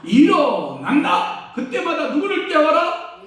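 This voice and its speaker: A male pastor preaching a sermon, quizzing the congregation with questions and swinging between hushed and loud exclaiming. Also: very high voice, huge pitch swings, slow. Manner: call-and-response questions to the congregation. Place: church sanctuary. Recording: echoey church hall, distant mic.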